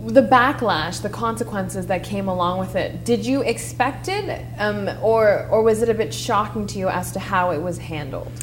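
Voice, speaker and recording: A woman conducts a one-on-one political interview in a mid-range voice. She frames her questions deliberately and with measured phrasing. There is faint noise in the recording. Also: mid-range voice. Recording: steady background noise.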